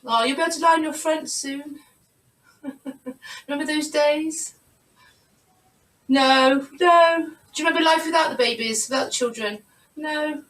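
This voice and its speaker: Her high, slightly bright voice is unhurried and often broken by pauses. She's a Pilates instructor running a live online session from a room at home, urging students along and calling out the rep count. Audio has a roomy, far-off video-call quality.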